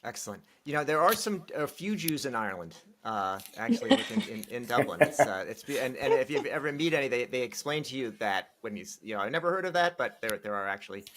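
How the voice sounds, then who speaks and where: A man's voice: medium pitch, sing-song, fast, few pauses, fairly bright tone. A man hosting an interview podcast, asking questions in a loose, friendly way with restarts. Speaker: podcast host.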